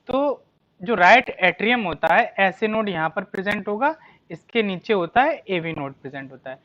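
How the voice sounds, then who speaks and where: A biology teacher explaining exam answers with a mid-range voice, neither high nor low. The teacher keeps throwing out rhetorical questions and answering them, stressing key terms again and again. The sound is dull and slightly muffled. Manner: reads English questions slowly, explains in Hindi.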